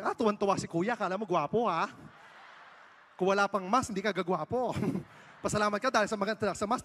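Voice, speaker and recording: High-voiced, brash stand-up comedian man. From Philippines. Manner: brash, self-mocking banter with the crowd; loud stage calls to the audience. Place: large live event stage with audience. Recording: reverberant live venue sound.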